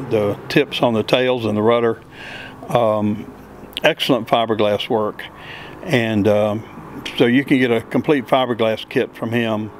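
Answering interview questions in an open hangar, a middle-aged man who builds and flies aircraft talks in a mid-range voice, laying things out plainly step by step with many fillers. The handheld mic held by the interviewer picks up a little hiss or hum.

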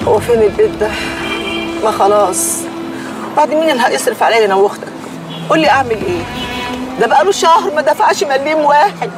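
A woman's voice: sits high, animated, fast, pauses often, rough recording. An actress with an Egyptian accent playing a weary, complaining middle-aged mother left by her husband. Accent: Egyptian Arabic. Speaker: mother selling goods near a mosque. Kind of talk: Egyptian TV drama acting. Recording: loud music under the scene.

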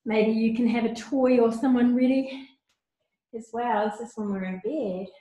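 Woman, children's yoga teacher, soft and coaxing, slightly high voice, heavy room echo. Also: steady tone, moderate pace. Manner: breathy audible sighs during breathing exercises. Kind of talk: gentle guided yoga lesson for children. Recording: very echoey room.

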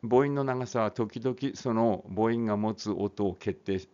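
A man's voice: on the low side, unhurried, mellow, clean tone. A man teaching English phonics, reading a text aloud and then explaining it casually, often correcting himself. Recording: dull lo-fi recording.

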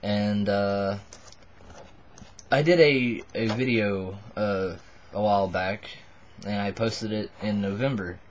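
A man in his twenties, a little drunk, giving a halting, rambling, casual confessional to the camera. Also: fairly low pitch, slight background noise. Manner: tipsy, buzzed, halting and rambling. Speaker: vlogger addressing subscribers. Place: small wood-panelled bedroom indoors. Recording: dull lo-fi webcam audio.

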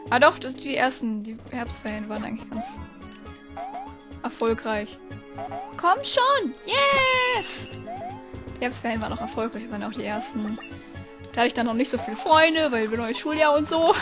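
A young woman chatting casually while playing a video game, rambling and breaking into frustrated outbursts. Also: fairly high pitch. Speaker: let's player. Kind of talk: casual gameplay commentary. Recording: game music playing behind the voice.

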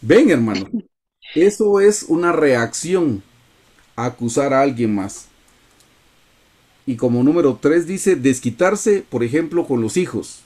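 A man's voice: mid-range voice, animated, unhurried, a little mellow. A man teaching a Bible study over a video call, earnest and addressing his listeners as brothers.

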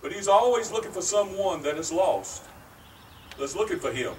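A middle-aged pastor preaches outdoors from a wooden pulpit beside a brick church, speaking slowly and earnestly with pauses in a high, animated, darkish voice. A distant camera microphone captures him, with faint noise in the background.

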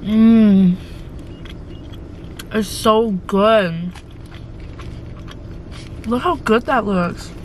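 A woman's voice: medium pitch, drawn-out words, long pauses. Woman talking with her mouth full. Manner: chatty, filler-heavy. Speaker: vlogger. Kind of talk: casual vlog chat. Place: car. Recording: noisy background.

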